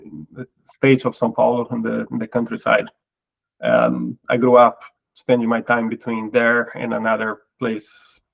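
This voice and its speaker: A man's voice: medium pitch, creaky, lo-fi sound. A middle-aged Brazilian man with a Portuguese accent, a guest in an interview who talks thoughtfully and often repeats words as he restarts a phrase. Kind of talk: casual interview talk.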